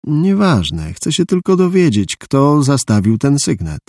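Calm proud ex-soldier, polite and measured, narrator doing him, gravelly voice. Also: male voice, medium pitch, no echo, studio quality, voice pushed up. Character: calm, proud male former soldier, middle-aged.

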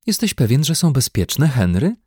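A man doing a worried, gentle mother. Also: fairly high pitch, big pitch swings, measured pace, no room sound, clean studio sound, pitched above the performer's own voice, heavily acted. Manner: worried, soft-spoken, fussing. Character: anxious gentle mother of the family. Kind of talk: audiobook character voice.

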